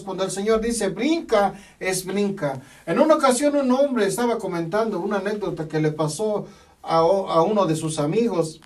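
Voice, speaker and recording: A man delivers a sermon in a high voice, pressing his point by repeating phrases and adding amen between lines. He sounds set back from the microphone, a little distant. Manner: emphatic, repeats phrases, punctuates with "amén". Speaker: preacher. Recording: voice from a distance from the mic.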